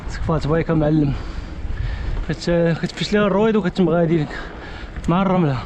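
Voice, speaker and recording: A man's voice: fast, a little mellow. A man with a Moroccan accent narrating a casual travel vlog outdoors, in offhand short bursts of commentary. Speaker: travel vlogger on a bicycle trip. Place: outdoors on a desert track and road. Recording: noisy outdoor sound with vehicle-like rumble.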